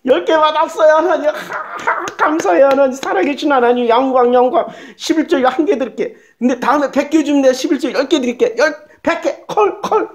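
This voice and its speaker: A man's voice: very high voice, fairly quick, hardly any pauses, a little hiss or hum, pitched above the performer's own voice. A male preacher voicing a greedy churchgoer who haggles with God in prayer. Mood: gushing greedy. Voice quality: gushing, haggling. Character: greedy bargaining churchgoer man praying for riches.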